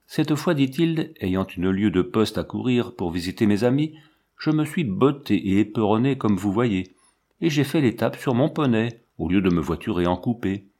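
A man voicing a chattering worldly gentleman with an affected falsetto tone, in a novel read aloud. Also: animated, moderate pace. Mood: chatty.

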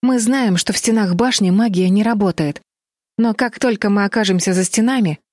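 A woman's voice: medium pitch, moderate pace, a little mellow, no room sound, clean studio sound, voice pushed up, close to an everyday voice. Woman voicing a determined girl leader. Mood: urgent. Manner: urgent, commanding, rallying.

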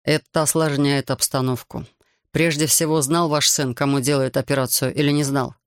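A man voicing a stern, influential host who questions his visitor in a measured, probing way. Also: mid-range voice, level tone, clean tone, natural voice.

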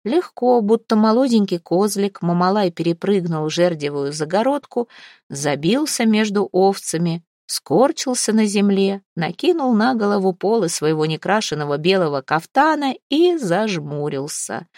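A woman reads an adventure novel aloud with expressive, lively storytelling. Her voice moves freely up and down. The recording is dry and close, with no room sound. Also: mid-range voice, normal speed, no echo. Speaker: audiobook narrator. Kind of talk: scripted narration of a historical novel.

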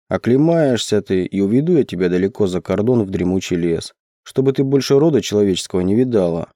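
Brief: domineering woodsman, read by a male narrator, slow and low, dark mellow tone. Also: no room sound, clean studio sound. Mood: soft. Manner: slow, low, growling commands. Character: huge gruff domineering forest man.

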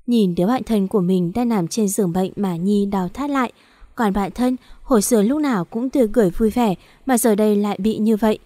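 A woman's voice: mid-range voice, a little fast, dark tone, no room sound. A woman narrating an audio story in a sorrowful, emotional manner, close to the mic.

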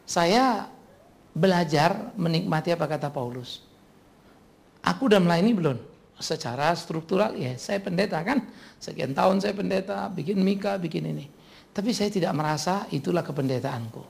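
A man preaching as a pastor, delivering a humorous sermon in a lively joking manner that often breaks into laughter. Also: sits high, normal speed, vocal fry. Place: church.

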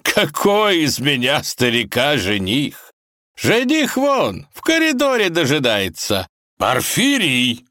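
A man's voice: on the high side, huge pitch swings, takes it slowly, a bit bright, no room sound, clean studio sound, pitched above the performer's own voice, heavily acted. A man voicing a jovial, boisterous older male kaiser who declaims rhymes.

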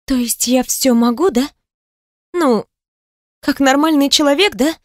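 A woman reading an audiobook, voicing a hurt young woman in a higher, bitter and sarcastic voice. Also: a little slow, dry recording, clean studio sound. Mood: defiant.

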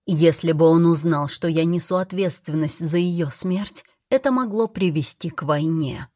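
Low-voiced woman narrating an audiobook. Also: normal speed, a little mellow, no room sound, clean studio sound. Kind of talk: first-person scripted narration.

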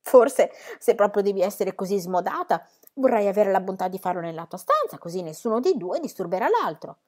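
A cold, pedantic pastor husband delivers each line with icy formality and plain condescension, read by a woman. His voice rises and falls widely. The speech is slow and precise. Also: sits high, sing-song, a little mellow. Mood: coldly condescending.

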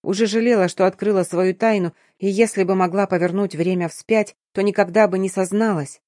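A woman narrates an audiobook in the first person, measured and even. Her voice sits at a middle pitch and comes across dry and close, with no room sound. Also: dry recording.

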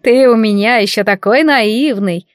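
A woman voicing an overbearing, meddling middle-aged mother who speaks slowly and preachily in an audiobook. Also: a little high, no echo, clean studio sound, lightly acted. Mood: domineering. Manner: slow, domineering, preachy.

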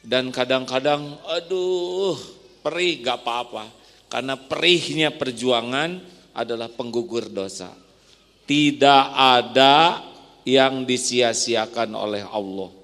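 Gravelly, slow-speaking male preacher in a reverberant hall. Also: medium pitch. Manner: emotive, swinging from soft to loud. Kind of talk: sermon to women.

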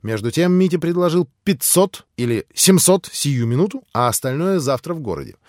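A man reading a classic novel aloud as an audiobook narrator, in an expressive, theatrical manner. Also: a little high, normal speed, no echo, clean studio sound.

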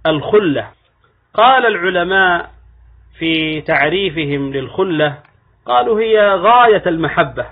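A man teaching hadith in a measured lecturing cadence, his voice set a little high and husky. He leans into key words with rising emphasis. The recording is tinny and narrow, like it came over a phone line. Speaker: Islamic scholar. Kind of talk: religious lesson explaining hadith.

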